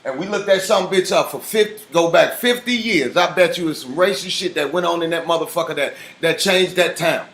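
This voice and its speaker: A man's voice: on the high side, brisk, hardly any pauses, a bit bright. A man being interviewed, arguing heatedly, swearing and talking over the host. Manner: profane, insistent, talks over the host. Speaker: interview guest. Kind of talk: heated argument. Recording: roomy studio echo.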